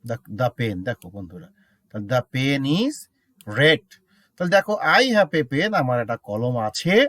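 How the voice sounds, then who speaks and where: Lively male teacher, dry close sound. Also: mid-range voice, measured pace, no echo. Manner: asks students frequent check questions; mixes English examples into Bengali explanation. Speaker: English teacher. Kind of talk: classroom lesson explaining grammar.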